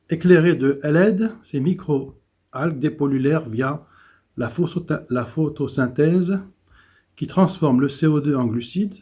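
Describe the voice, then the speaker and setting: A man's voice: on the high side, a little mellow, husky. A man reading economic and environmental news commentary, with small stumbles and restarts.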